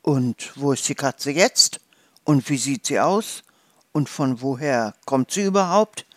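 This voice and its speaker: A gruff but kindly old farmer in a children's story speaks low and firm, as a storyteller voices him. He talks slowly, and the sound is dry and close to the mic. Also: no echo, close to an everyday voice. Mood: curious. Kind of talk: storybook reading.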